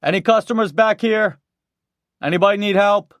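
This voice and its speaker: A man voicing a loud, placating middle-aged store owner in an audiobook, calling out at a raised pitch. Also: brisk, no echo, natural voice.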